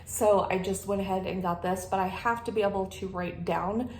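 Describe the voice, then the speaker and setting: A woman's voice: mid-range voice, steady tone, normal speed. A woman chatting casually to her viewers as a vlogger, with a slight lisp from wearing a retainer. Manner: friendly rambling chat addressed to viewers. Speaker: beauty vlogger and channel host. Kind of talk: casual chatty sit-down vlog. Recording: echoey room with clear background noise.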